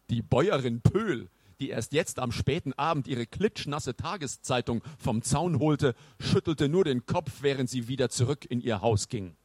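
A man reading a storybook in an expressive, measured narration. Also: mid-range voice, breathy edge, no echo.

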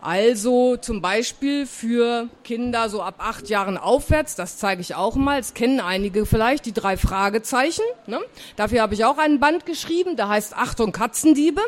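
Chatty woman author reading to kids. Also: a little high. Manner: chatty, addresses young listeners. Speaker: children's book author. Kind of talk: author talk and reading aloud.

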